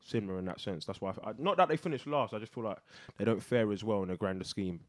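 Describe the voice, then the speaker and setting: A man's voice: fairly low pitch, fast, darkish tone, dry recording. A young man with a London street accent, debating bluntly and casually in heavy slang. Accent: London, urban street. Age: young adult.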